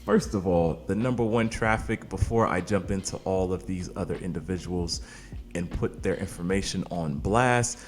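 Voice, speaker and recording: A man with a low voice speaks at a moderate pace, hosting an online marketing channel and pitching offers with hyped, salesy energy. He's casual on camera, calls viewers "baby" and "man," and sounds tired from recording late at night.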